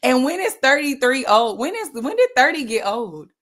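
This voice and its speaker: A woman's voice: sits high, very animated, normal speed, a bit bright. A woman, talking candidly as an interview guest and laughing often. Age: 30s. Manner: giggly, candid. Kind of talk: casual interview.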